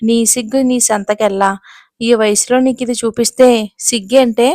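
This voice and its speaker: A woman's voice: a little high, steady tone, normal speed, mellow, no room sound, clean studio sound, natural voice. A woman voicing a fussy, outspoken elderly grandmother who scolds and exclaims. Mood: indignant.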